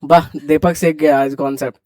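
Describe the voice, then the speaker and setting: Brisk high-voiced male classroom teacher. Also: little pitch movement, darkish tone, no echo. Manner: brisk, quizzing students and urging them to hurry. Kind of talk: classroom grammar lecture.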